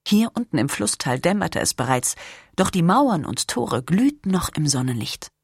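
A woman narrating a historical novel as an audiobook, expressive and dropping to whispers in tense moments. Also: fairly low pitch, moderate pace, slightly rough.

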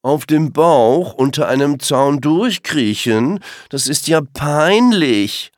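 A man voicing an arrogant young deer in a storybook, scornful and drawn-out. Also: on the high side, animated, dry recording, clean studio sound, pitched above the performer's own voice.

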